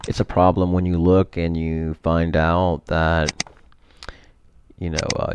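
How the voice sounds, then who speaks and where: Low gravelly man rambling over a screen share. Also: darkish tone, no room sound. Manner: rambling, frequent fillers and self-corrections. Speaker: vlogger. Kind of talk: casual screen-share commentary. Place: home.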